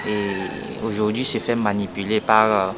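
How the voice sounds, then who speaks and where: Recorded on a noisy street, a Togolese man in his twenties, a young party activist, makes a sincere political statement for an interview. He hesitates frequently, using fillers and repeating words, in a low-leaning, level voice at normal speed.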